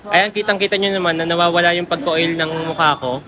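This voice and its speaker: A man with a high voice chats upbeat to his followers, pushing a product like a friendly seller. He talks into a phone held close, and the noisy bustle of a mall carries clearly behind him. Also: steady tone, fast talker, sharp tone. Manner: chatty, upbeat sales pitch to viewers. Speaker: product reviewer. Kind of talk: casual product promo vlog. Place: inside a shopping mall.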